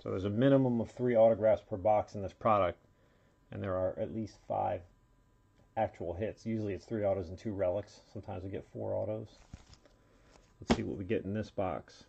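A man's voice: lowish voice, fairly even intonation, a little fast, gravelly, a little mellow, slight background noise. A man hosting a live trading card break, casually calling out player names and serial numbers as he opens packs, in a dull lo-fi recording.

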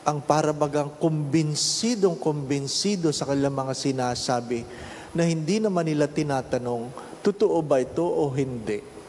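An older man with a Filipino accent, a priest reading the gospel and preaching a homily at a measured pace, switching between English and Tagalog, into a handheld microphone in a large church. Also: on the high side, a little mellow. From Philippines. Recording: long church reverb, faint hiss.

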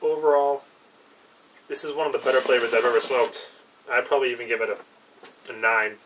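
A man's voice: mid-range voice, steady tone, a little fast, fairly bright tone. A young man chatting casually in an unscripted review, laid-back and a bit hesitant, trailing off. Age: young adult. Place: small cluttered indoor room with brick wall. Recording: distant mic, clear background noise.

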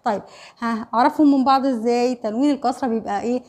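A woman teacher races through an online Arabic lesson for primary pupils, her fairly high voice a little mellow and her accent Egyptian. She quizzes the class and answers the questions herself, using "خلاص؟" and "ماشي؟" again and again to check understanding.

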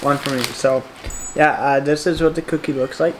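A woman with a notably low voice hosts a casual taste-test vlog. She talks in an easygoing way, trailing off with fillers. A clear background noise runs under the home recording. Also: steady tone, normal speed. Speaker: vlogger.

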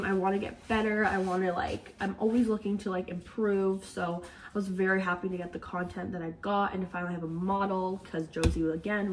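A woman's voice: mid-range voice, far from the mic, slight background noise. A woman vlogging in a casual, rambling way, worn out and fighting a head cold. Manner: rambling, tired. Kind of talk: casual vlog chat.

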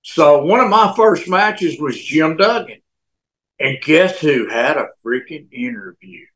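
A man's voice: fairly high pitch, a little slow, low-quality recording. An older man, a former pro wrestler telling stories animatedly in a casual interview. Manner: animated storyteller, folksy, sound effects.

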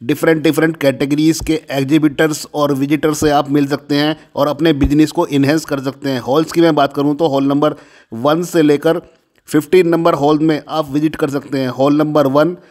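Brief: male vlogger, voice-over, slightly high and even, reels off facts steadily. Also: normal speed. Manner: steady informative listing. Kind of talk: promotional voice-over.

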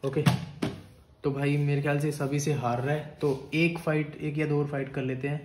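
A man giving casual, excitable commentary on toy battles as a video creator, chatting to his viewers. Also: on the high side, moderate pace. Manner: chatty, excitable, calls viewers "bhai" and "guys". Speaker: YouTuber. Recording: echoey room with loud noise.

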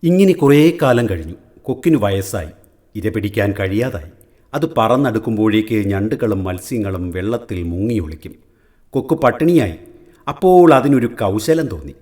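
Man telling a children's fable. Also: lowish voice. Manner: measured, expressive telling. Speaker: storyteller. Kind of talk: children's story narration.

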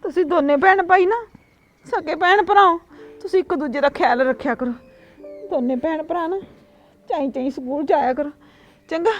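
An actress playing a nagging stepmother in a village comedy sketch, shrill and complaining. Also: normal speed, pauses often, muffled recording, close to an everyday voice. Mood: remorseful. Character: nagging middle-aged stepmother who later repents. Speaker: actress in a short comedy film.

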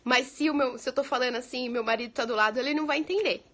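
A woman's voice: high voice, rapid-fire, fairly bright tone, a little hiss or hum. A Brazilian woman, an English teacher, chatting casually and laughing often with viewers, mixing in English phrases. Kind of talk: casual live chat answering viewer questions. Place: home in the United States.

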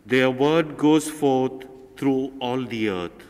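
A man serving as lector, reading scripture and the psalm at Mass in a slow, solemn way, with cathedral echo around his voice. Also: medium pitch, a little mellow. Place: large church. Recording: long church reverb.

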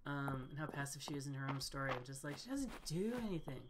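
A woman's voice: very deep voice, expressive, fast, noisy background. A woman giving casual, rambling commentary while she plays a video game, chatting and thinking aloud. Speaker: gaming streamer. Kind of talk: casual let's-play commentary. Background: loud game music.

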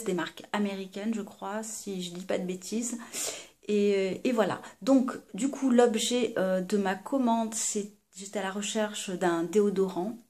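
A woman's voice: medium pitch, a little mellow. A woman chatting casually to her viewers as she reviews a cosmetics order, with many hesitations, fillers and restarts. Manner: chatty, addresses viewers directly. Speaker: beauty vlogger.

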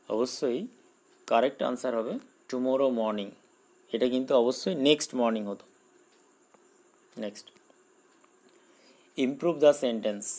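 Man, exam-prep teacher, slow careful reading, then quick explanations. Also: medium pitch, a little mellow, rough recording. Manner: reads English questions slowly, explains in Bengali. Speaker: English teacher. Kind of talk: exam-prep grammar lesson.

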